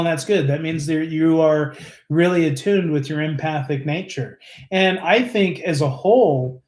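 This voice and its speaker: A man with a fairly high voice talks on a casual live stream, earnest and rambling, circling back with fillers and restarts. The room around him is echoey, so his voice bounces a little off the walls. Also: darkish tone. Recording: roomy echo.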